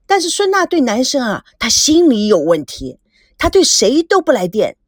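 A chatty teenage little sister who thinks she knows everything, as a woman reader puts her on. Her voice is highish and bounces all over the place, coaxing and lively. The recording is dry and close, with no room around it. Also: normal speed, no room sound. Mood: earnest. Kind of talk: audiobook character voice.

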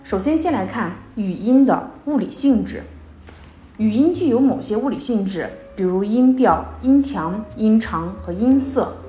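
A woman's voice: on the high side, unhurried, a little hiss or hum. A woman giving a recorded psychology lecture, explaining step by step with small fillers between points. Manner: steady explanatory delivery with verbal fillers. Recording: echoey room with faint music.

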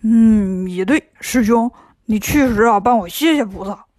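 A woman's voice: on the high side, measured pace, a little mellow, dry recording, pitched below the performer's own voice. A woman voicing a lazy, grumbling male pig monk in a storybook reading, whiny and complaining.

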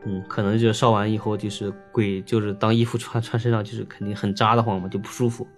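A man's voice: lowish voice, fast, faint music behind. A man telling a ghost story in a chatty, casual way, full of fillers. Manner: chatty, filler-heavy, lively.

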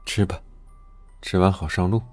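Female narrator doing a deep, gentle young husband in a horror audiobook, dry and close. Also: steady tone, normal speed, dry recording, soft background music. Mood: defensive. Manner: gentle, coaxing. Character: doting young husband, soft-spoken, quietly sinister.

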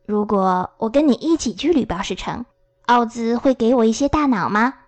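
A woman doing a friendly straw scarecrow from a children's storybook, speaking in a very hoarse voice that sits a little quieter than the telling around it. The tone stays gentle and kindly, with a slightly slow, simple way of talking. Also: on the high side, natural voice. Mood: wondering. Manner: soft and friendly. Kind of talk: storybook reading.

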